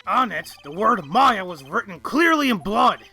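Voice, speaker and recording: A man acts out an eager, bumbling police detective with a bright, forceful, gravelly voice that sits high. He blusters deferentially to his superiors, as in a courtroom video game. Music plays behind him. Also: very animated, normal speed, full character voice. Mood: earnest testimony. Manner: deferential, blustering, ending sentences with "sir". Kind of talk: game fandub character acting.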